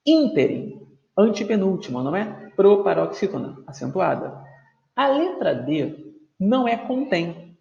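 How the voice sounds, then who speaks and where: A man with a high-pitched, very animated, creaky voice and a darkish tone teaches a grammar video lesson. He explains patiently, drawing words out syllable by syllable as he spells them, and often checks in with his students using tags like "tudo bem?". The echoey room gives the recording a dull, lo-fi sound.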